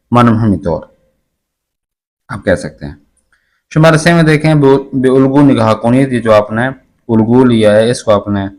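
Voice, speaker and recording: A man teaching a language lesson, reading phrases aloud and explaining each one slowly. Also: medium pitch.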